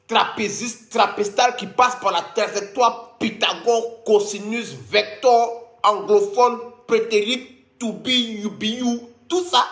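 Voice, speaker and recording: A man with a Cameroonian French accent delivering a mocking, scolding comic rant to his viewers, with sudden squeaky jumps. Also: sharp tone. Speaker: online commentator.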